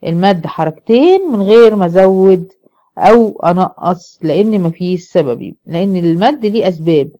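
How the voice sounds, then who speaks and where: An Egyptian woman with a fairly low, warm voice teaches Quran recitation at a moderate pace in a classroom lesson. She explains things step by step and poses questions to the class, then answers them herself.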